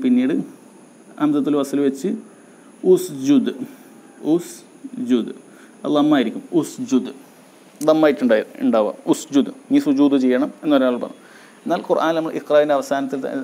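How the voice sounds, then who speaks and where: A man teaching a recorded grammar lesson, explaining step by step and repeating key words slowly. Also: mid-range voice, dark tone, slight background noise.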